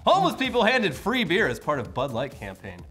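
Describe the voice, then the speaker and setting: Casting: young male co-host, bright and slightly high, loose jokey news banter, faint music under. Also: huge pitch swings. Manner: joking, loose, with quick voices for quotes. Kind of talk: casual comedic news chat. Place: studio.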